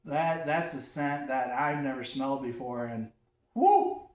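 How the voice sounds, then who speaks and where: A man's voice: medium pitch, normal speed. Man, guest, casual chat, blunt, laughs easily, far from phone, echoey room. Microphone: phone across the room, no mic.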